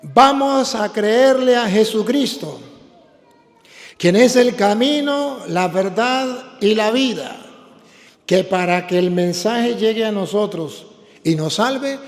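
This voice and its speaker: Priest, forceful repetitive preaching, high voice in a reverberant church. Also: male voice, expressive, slow pace. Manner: emphatic, repeats lines for the congregation. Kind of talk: sermon.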